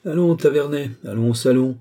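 A man's voice: mid-range voice, expressive, moderate pace, warm tone, husky. A man voicing a vain, sly and jovial very old marshal in a storybook reading. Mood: gleeful.

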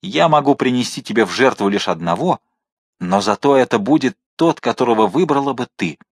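A man acting out a drowning young villain in a storybook reading, gasping pleas that climb high and strained, all frantic desperation and hatred. The sound is dry and close, with no room around it. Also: lively intonation, a little fast, husky, no room sound. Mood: hateful. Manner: pleading, frantic cries.

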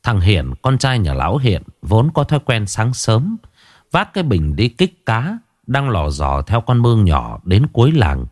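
A man's voice: lowish voice, big pitch swings, measured pace, darkish tone, no room sound, clean studio sound. A man narrating a horror story in a dramatic, scripted style.

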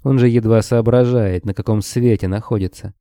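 A man's voice: on the low side, fairly even intonation, normal speed, dark tone, clean tone, dry recording, studio quality, close to an everyday voice. A man voicing a tough young woman monster hunter who speaks sharply and scolds. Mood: angry.

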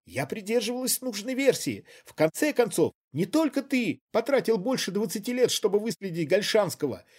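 A man voicing a hysterical, scheming middle-aged woman who shouts her accusations in a high, shrill voice. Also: expressive, fairly quick, husky.

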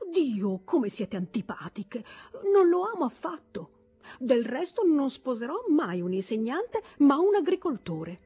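A woman voicing an excitable, dreamy schoolgirl who gushes and exclaims in an audiobook reading. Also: medium pitch, unhurried, breathy edge. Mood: gushing. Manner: exclamatory, rising and gushing. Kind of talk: audiobook character voice.

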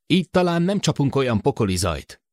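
A man's voice: mid-range voice, sing-song, a little mellow, dry recording, clean studio sound, voice pushed up, natural voice. A man voicing a cocky male helicopter pilot who talks back over the radio. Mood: confident.

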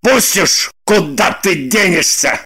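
A woman voicing an angry, scheming young man in an audiobook, with gruff, scornful shouting. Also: fairly low pitch, expressive, slow, full character voice. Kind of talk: audiobook narration with voiced characters.

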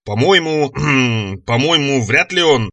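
A man's voice: mid-range voice, expressive, slow pace, fairly bright tone, dry recording, exaggerated voice. A man voicing a fussy, nervous middle-aged scholar who talks pedantically and hesitantly.

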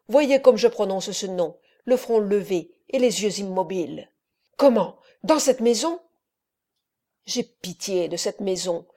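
A man's voice: high voice, darkish tone. A woman reading an elderly friar in an audiobook, fervent and preaching. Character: impassioned elderly male friar, pleading then wrathful.

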